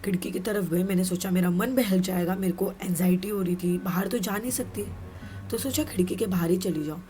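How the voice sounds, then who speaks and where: A woman's voice: fairly low pitch, warm tone, faint music behind. A woman from Mumbai, a vlogger, narrating a scary dream in a tense, dramatic way, sometimes dropping to a whisper. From Mumbai, India. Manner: tense, dramatic, drops into whispers and slow emphasis.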